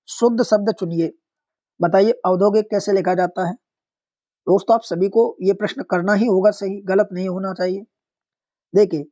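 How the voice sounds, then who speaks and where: A methodical exam-prep teacher explains each practice question step by step and says every corrected word again, speaking straight to the students. The voice is warm and mellow. The recording sounds dull and lo-fi. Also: medium pitch.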